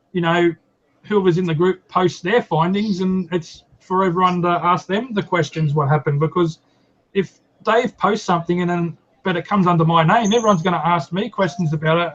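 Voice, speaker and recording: A man's voice: high voice, moderate pace. Easygoing man, lo-fi call. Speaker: yowie group organiser. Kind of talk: casual online hangout chat. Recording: lo-fi call audio.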